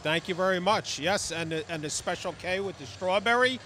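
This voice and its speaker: A man's voice: high-pitched, fairly quick, sharp tone. A middle-aged man chatting as an upbeat, agreeable vendor in a promotional interview. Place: trade show booth indoors. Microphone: handheld microphone held by interviewer. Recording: noisy convention hall.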